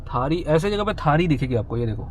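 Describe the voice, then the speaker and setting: A man's voice: fairly high pitch, animated, a little fast, slight background noise. Chatty man reviewing a car on the road. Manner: chatty, friendly, addresses viewers as bhai. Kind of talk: casual ride-along chat. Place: inside a moving car.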